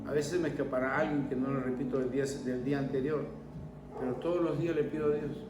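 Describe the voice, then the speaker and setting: A man's voice: mid-range voice, steady tone, fast, reverberant, far from the mic, music in the background, low-quality recording. A man preaching a sermon as pastor, telling stories and leading a prayer. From Venezuela. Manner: preaching with storytelling and a closing prayer.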